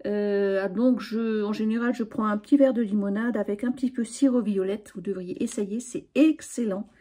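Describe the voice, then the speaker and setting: A woman's voice: medium pitch, fairly even intonation, normal speed, mellow, slightly rough. A middle-aged woman from Alsace, chatting casually and rambling with frequent hesitations in a craft vlog. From Alsace, France. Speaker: craft vlogger. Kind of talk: casual spring tag chat.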